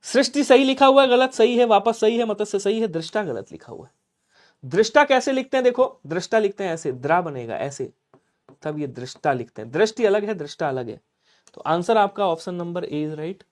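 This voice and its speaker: A man teaching a live online exam-prep class, lively and coaxing students to answer, with sudden loud emphasis. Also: sits high, fairly quick.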